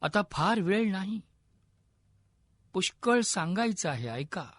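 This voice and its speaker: A frail old man near death, calm and wise, who speaks in slow, weary, gentle pleas, as a male narrator puts him on. His voice sits fairly high and unhurried, recorded close and dry with no room sound. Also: dry recording, full character voice. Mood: pleading.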